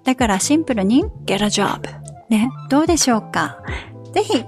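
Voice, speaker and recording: A woman's voice: fairly high pitch, lively intonation, moderate pace, a little mellow, faint music behind. A woman hosting a casual advice podcast, frank and blunt, also coaching English pronunciation. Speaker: podcast host.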